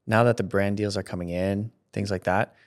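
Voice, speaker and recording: A thirty-something man, a content creator, chats as an interview guest at a moderate pace through a studio mic with headphones on. His pitch is fairly low and his tone steady, and he rambles, frequently laughing and restarting what he's saying.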